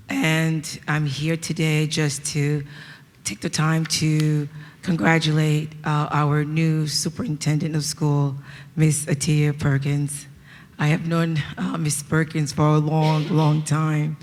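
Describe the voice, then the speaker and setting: A middle-aged woman makes a public comment with a hoarse, worn-out voice. Her pitch stays fairly even as she speaks haltingly and earnestly. The large room adds long reverb. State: hoarse, has lost their voice. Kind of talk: public comment speech at a meeting. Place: large indoor meeting room. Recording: echoey meeting hall with long reverb.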